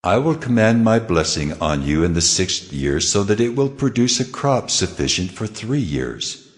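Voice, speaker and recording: A man's voice: lowish voice, big pitch swings, moderate pace. A man voicing the Lord in a dramatized scripture recording, grave and commanding. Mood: solemn. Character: the Lord, a solemn commanding divine male voice. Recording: long hall reverb. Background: faint music.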